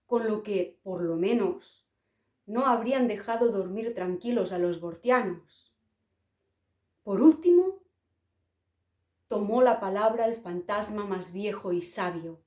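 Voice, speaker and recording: Slow, expressive woman storyteller. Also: mid-range voice. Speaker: storyteller for children. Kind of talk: children's story reading. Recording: roomy echo.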